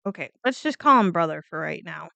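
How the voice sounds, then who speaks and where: A woman's voice: sits low, expressive, fairly quick, gravelly, pushed and bright, no room sound. A woman hosting a casual true crime video, talking bluntly and chattily, swearing now and then and drifting off on tangents.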